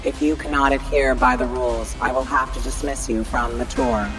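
A woman voicing a calm, polite robot tour guide that makes mechanical announcements, lower and in an altered tone from her narration. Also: moderate pace, soft background music.

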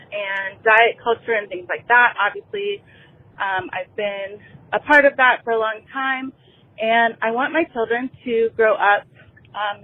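Woman leaving a voicemail, slow and unsure, lots of ums, thin phone sound. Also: fairly high pitch. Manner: hesitant, many ums. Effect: voicemail over a phone line. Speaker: caller. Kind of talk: recorded voicemail message. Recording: tinny phone-line voicemail.

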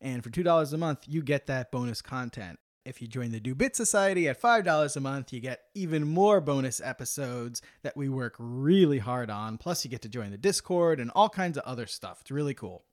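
A man's voice: medium pitch, animated, brisk, few pauses. A man hosting a podcast in a casual, chatty style. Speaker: podcast host.

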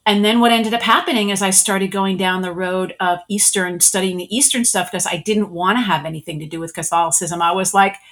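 A woman's voice: mid-range voice, fairly quick, hardly any pauses, fairly bright tone. A middle-aged woman, a spiritual energy worker, telling her life story in a casual interview and acting out her own past thoughts.

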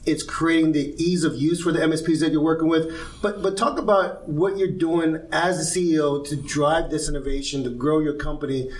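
A man's voice: a little high, steady tone, brisk, hardly any pauses. A man hosting an interview podcast, speaking in an upbeat, emphatic way and drawing out his introductions. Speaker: podcast host.

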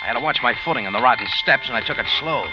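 In a lightly acted, rapid-fire performance, a mid-range male voice portrays a wry, hard-boiled American detective narrating his case like 1940s radio noir. The clipped delivery feels brooding and tense, and the old radio recording is dull, with loud music.

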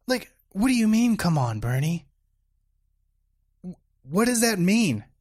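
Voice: medium pitch, very animated, a little slow, a little mellow, slightly rough. A commentator reacting to a video clip in a sarcastic, mocking way. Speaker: political commentator.

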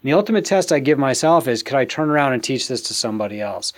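A middle-aged man hosting a business advice show, delivering a scripted monologue in a tidy, structured and emphatic way with deliberate phrasing. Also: medium pitch, animated.

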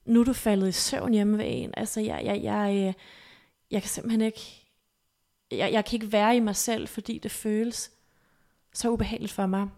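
A woman guest on a podcast, softly retelling a painful personal story, halting and emotional. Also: mid-range voice, fairly even intonation. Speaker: interview guest.

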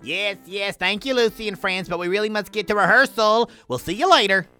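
A woman's voice: mid-range voice, brisk, bright, forceful tone, soft background music, close to an everyday voice. A woman voicing a boastful alien sidekick who fancies himself a great actor, grand and bossy in a children's audio drama. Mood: grandiose.

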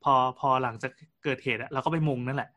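A man co-hosting a casual podcast chat, relating events in a loose storytelling way. He keeps stopping and restarting his sentences and fills gaps with small sounds. His pitch sits in a middle range for a man. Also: fast talker, bright, forceful tone. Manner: storytelling with frequent restarts and fillers. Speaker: podcast co-host.

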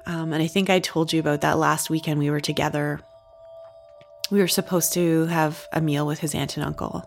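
A woman's voice: low-pitched, steady tone, brisk, gravelly, faint music behind. A woman being interviewed, talking candidly and conversationally about her experience. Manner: conversational, frequent "like" fillers.

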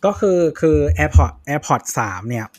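A man's voice: a little high, slow pace. A man co-hosting a casual tech podcast, chiming in with details and opinions in short bursts. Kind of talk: casual chat.

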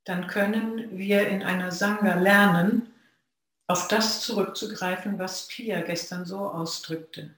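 Reflective dharma talk from a Zen practitioner, unhurried and pausing, heavy room echo. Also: medium pitch, fairly even intonation, a bit bright. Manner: slow, measured, pausing between phrases. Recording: very echoey room.

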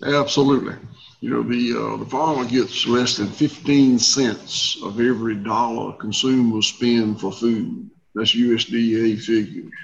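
A man's voice: mid-range voice, fairly even intonation, measured pace, vocal fry, muffled recording, a little hiss or hum. A man with a Southern accent from Georgia, giving conversational interview answers as a farmer. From rural Georgia, US. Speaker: guest, farmer.

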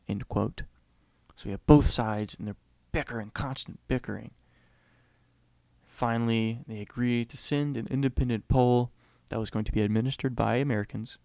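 A man's voice: medium pitch, gravelly, darkish tone, no room sound. A man giving a casual, conversational history lecture, often saying "you know" and acting out quotes.

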